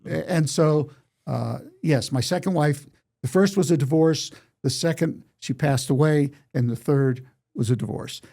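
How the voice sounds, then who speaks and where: Gravelly yet mellow, this man's voice is fairly high in pitch and unhurried. He's in his eighties, a songwriter and storyteller appearing as a guest in a conversational interview, where he tells stories from his life and quotes remembered exchanges.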